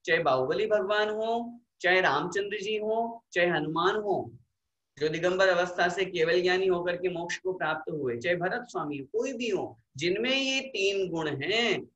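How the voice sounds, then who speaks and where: Male religious teacher, fairly high bright voice, leads verse recitation. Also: echoey room. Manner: slow, explanatory, leads chanting of verses. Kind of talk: scripture lesson.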